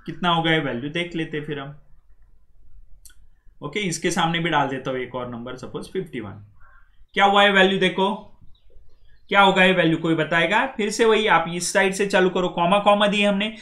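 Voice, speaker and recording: A man gives a classroom lesson. His voice is bright and sits a little high. He drills numbers slowly and keeps checking that the class follows. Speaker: language teacher. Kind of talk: classroom lecture.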